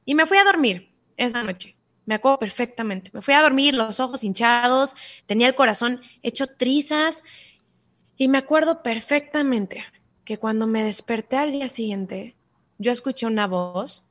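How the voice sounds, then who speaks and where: A woman with a Mexican accent telling a personal story in an interview, animated and acting out voices. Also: fairly high pitch, normal speed. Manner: animated, acts out quoted voices. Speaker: guest.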